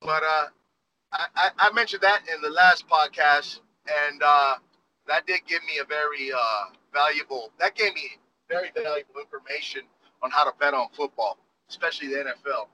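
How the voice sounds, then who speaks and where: A man's voice: on the high side, normal speed, pushed and bright, slight background noise, poor audio. A man talking casually as a podcast guest, emphatic, with stammered restarts. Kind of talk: casual chat.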